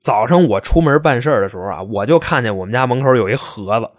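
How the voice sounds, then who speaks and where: A man voicing a grieving, enraged husband who shouts, swears and defends himself. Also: medium pitch, expressive, quick pace, close to an everyday voice. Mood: musing. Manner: wailing, shouting, swearing, then pleading his innocence. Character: grieving then furious middle-aged husband.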